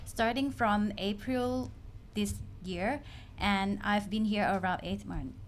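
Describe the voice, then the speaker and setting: A woman's voice: medium pitch, steady tone, slow pace, slight background noise. Woman from Thailand, polite and hesitant. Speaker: student panelist.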